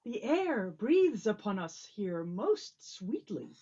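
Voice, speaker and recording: A woman's voice: medium pitch, sing-song, slow, warm tone, breathy edge, exaggerated voice. A woman playing an earnest, long-winded, optimistic old courtier in a Shakespearean drama, on slightly dull audio. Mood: earnest, cheerful. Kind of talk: Shakespearean stage drama performance.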